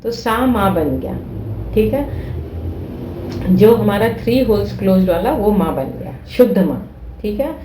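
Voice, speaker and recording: A woman's voice: medium pitch, animated, unhurried, pauses often, echoey room, noisy background. A woman teaching flute who explains patiently, repeating steps and checking that listeners follow. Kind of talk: explaining a music lesson.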